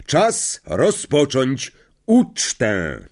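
A man voicing an elderly, genial headmaster wizard who speaks in a measured, unhurried way. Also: mid-range voice, wildly swooping pitch, voice pushed up, heavily acted. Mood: cheerful.

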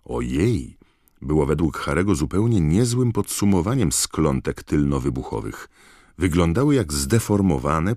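A man narrating an audiobook in a measured, expressive storytelling manner. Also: low-pitched, no room sound, studio quality. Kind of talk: scripted narration.

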